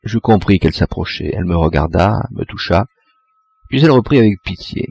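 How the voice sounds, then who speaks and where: A man narrating a classic tale in a measured, expressive audiobook reading. His voice sits low with a gravelly, husky grain, and his pitch moves a lot. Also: lo-fi sound. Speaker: audiobook reader.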